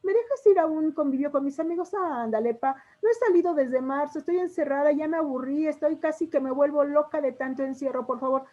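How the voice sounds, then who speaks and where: A woman's voice: high voice, brisk, hardly any pauses, mellow, muffled recording, natural voice. A woman playing a wheedling teenage girl. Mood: pleading. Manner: pleading, wheedling. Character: teenage girl begging her dad to go out.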